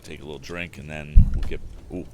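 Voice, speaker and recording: This storytime livestream host reads books animatedly and chats casually between passages. His extremely low, darkish voice keeps fairly even intonation at a fairly quick pace, heard through a streaming microphone with faint background noise.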